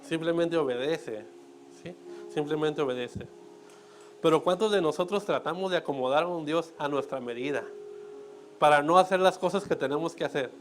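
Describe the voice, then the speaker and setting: A man's voice: fairly high pitch, normal speed, faint music behind. A man with a Mexican accent preaching a conversational sermon in church, with joking asides and frequent checks on his listeners.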